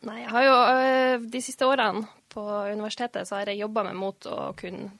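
A woman's voice: medium pitch, little pitch movement, creaky, a bit bright, dry recording. A woman in her twenties with a North Norwegian accent, chatting casually as an interview guest. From Mo i Rana, northern Norway. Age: 20s. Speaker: interview guest, local journalist.

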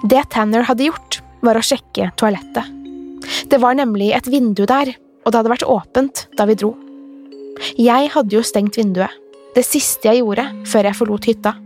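Woman reading a creepy story, calm and measured, voice sits a bit high, soft music underneath. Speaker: podcast narrator. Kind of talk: scripted horror narration.

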